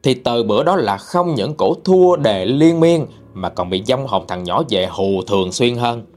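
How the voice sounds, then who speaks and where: A man's voice: medium pitch, animated, a little slow, a little mellow, faint music behind. A man narrating a ghost story, chatty and dramatic, talking straight to his listeners.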